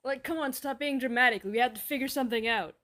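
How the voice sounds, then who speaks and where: A woman acting out comedy sketches, swearing casually and bantering in a deadpan way. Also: high voice, quick pace. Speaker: sketch comedy creator playing all roles.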